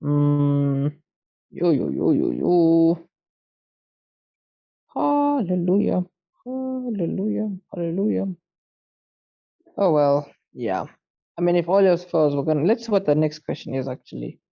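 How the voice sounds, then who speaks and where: A man tutoring maths, working through an exam paper out loud in a casual way, muttering to himself and sounding tired late at night. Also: fairly high pitch, sing-song, a little slow, vocal fry, highs cut off.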